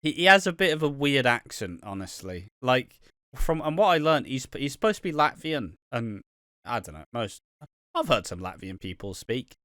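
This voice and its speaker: This British podcast co-host chats casually about a TV soap, swearing freely and acting out the characters' lines. His mid-range voice swings widely in pitch at a normal speed, with a fairly bright tone. The recording is dry and studio quality.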